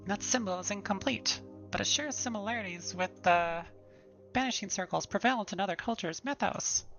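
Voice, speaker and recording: A woman voicing an excitable, formal male historian character from a game. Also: medium pitch, pitched above the performer's own voice. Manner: formal, eager, over-polite.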